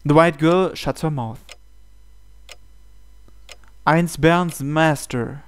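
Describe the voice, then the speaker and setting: Reading a visual novel's narration with drama, a gaming channel host speaks extremely slowly in a slightly high, clean-toned voice. Music from the game sits in the background.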